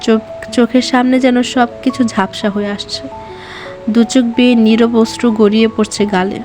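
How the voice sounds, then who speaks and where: A woman narrating a romantic novel slowly and with emotion as a storyteller. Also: fairly high pitch, fairly even intonation, darkish tone, faint music behind. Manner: slow, emotional reading.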